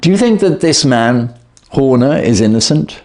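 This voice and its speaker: A man's voice: medium pitch, expressive, normal speed, darkish tone, pitched above the performer's own voice, close to an everyday voice. A man reading the part of an earnest, inquisitive Victorian doctor, a detective's loyal companion, politely questioning in an audiobook. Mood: curious.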